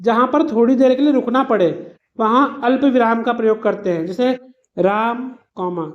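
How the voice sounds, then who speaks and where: A woman's voice: a little high, a little mellow, lo-fi sound. A woman teacher giving an exam revision lesson, explaining patiently with simple everyday examples and calling her students "beta".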